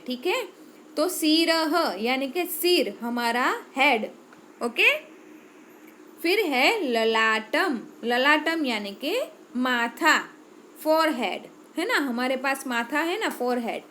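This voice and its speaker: A woman teacher with an Indian Hindi accent, speaking slowly and patiently in a high, bright voice. She repeats each word and checks in often with her students. A faint background noise sits under her voice. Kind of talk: classroom lesson.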